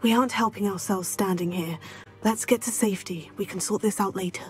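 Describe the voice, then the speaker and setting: A woman voicing a calm, kind student hero in a video game. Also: mid-range voice, brisk, soft background music, lightly acted. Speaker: player character, student.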